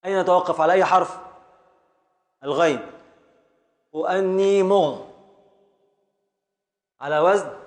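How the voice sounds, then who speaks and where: A man's voice: on the high side, fast talker, pauses often. A man with an Egyptian accent teaching a classroom lesson, patiently drilling students by repeating and counting along. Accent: Egyptian Arabic. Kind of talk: classroom lesson on Arabic prosody.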